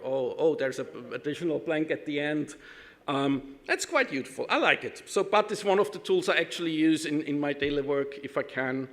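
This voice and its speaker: Speaking at a technical conference, the Austrian presenter carries an Austrian German accent and a fairly high voice. His delivery is halting and full of restarts and ums, laced with wry, self-mocking humor.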